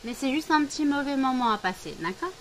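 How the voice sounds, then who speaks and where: A woman's voice: sits high, animated, fast, slight background noise, low-quality recording. A middle-aged woman vlogging casually from home, chatting to viewers and cooing baby talk to her scared pets while rain is heard outside.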